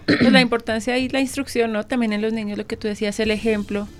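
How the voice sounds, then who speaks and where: Fast-talking agreeable woman co-host. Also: fairly high pitch, little pitch movement, faint music behind. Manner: agreeable, quick affirmations. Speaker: radio program co-host.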